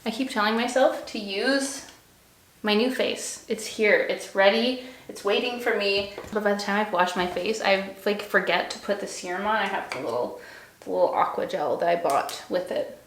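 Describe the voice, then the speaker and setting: A woman's voice: medium pitch, normal speed, a bit bright, roomy sound, a little hiss or hum. Girl doing a chatty vlog, gushes a lot, normal midrange voice. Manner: effusive, gushing, conversational. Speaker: vlogger. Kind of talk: casual chatty skincare vlog.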